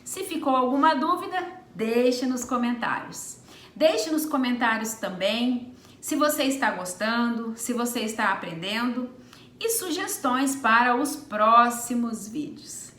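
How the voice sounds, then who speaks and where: A woman's voice: fairly high pitch, lively intonation, a bit bright. A woman teaching a Portuguese grammar lesson, explaining step by step and drawing out each example word. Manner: deliberate, stretches out example words. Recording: echoey room.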